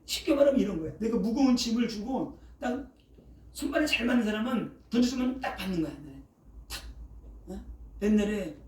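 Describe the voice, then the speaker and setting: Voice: mid-range voice, a little mellow. Older preacher in an echoing church. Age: 60s. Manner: keeps checking in with the congregation, asking "eh?" after each phrase; colloquial, repetitive preaching with vivid sound words. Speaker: pastor. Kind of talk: sermon. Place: church sanctuary. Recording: roomy echo, voice picked up from a distance.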